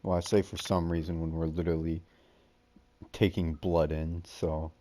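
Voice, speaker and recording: A man's voice: sits low, level tone, moderate pace, mellow. A man giving casual let's play commentary as a gaming host, with slangy, jokey asides.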